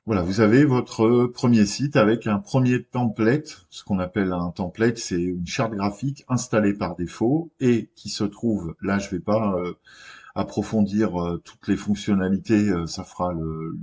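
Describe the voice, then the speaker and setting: A man hosting a screen-recorded web tutorial, talking in a relaxed way with many hesitations and restarts. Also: lowish voice, husky.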